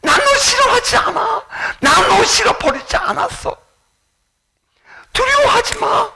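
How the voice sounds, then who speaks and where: A man voicing God, loudly pleading and reassuring in a high, strained voice. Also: sing-song, measured pace, creaky, a little hiss or hum, exaggerated voice. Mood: urgent, pleading. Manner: shouted, urgent reassurance. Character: tender pleading male God, comforting.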